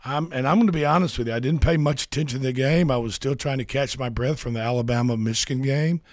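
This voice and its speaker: A man's voice: mid-range voice, fast, no echo, clean studio sound. A man hosting a sports radio show, chatting casually and rambling with repeats.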